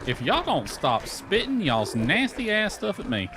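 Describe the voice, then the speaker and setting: Muttering with mild exasperation, this man streams a game and thinks aloud in casual live commentary. He sits high in pitch, swoops wildly up and down, and never hurries. The recording carries obvious background noise.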